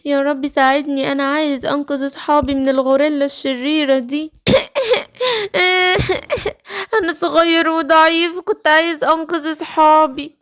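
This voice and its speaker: A woman's voice: sits high, steady tone, moderate pace, fairly bright tone. A woman voicing a kind, brave young male lion cub in a children's story, with an Egyptian Arabic accent. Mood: sad. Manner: earnest, eager storybook hero.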